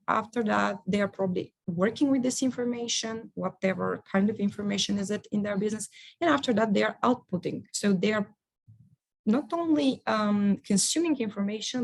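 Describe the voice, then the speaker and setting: Woman lecturing, halting, lots of vocal fry, mid pitch. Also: low-quality recording. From Bulgaria. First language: Bulgarian. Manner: halting, searching for words, explanatory. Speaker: business analyst. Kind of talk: conference lecture.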